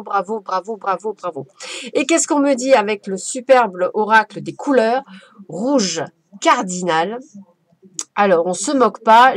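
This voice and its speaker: A woman's voice: medium pitch, no echo. A woman giving a casual, playful oracle card reading as a medium, chatty and effusive. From France.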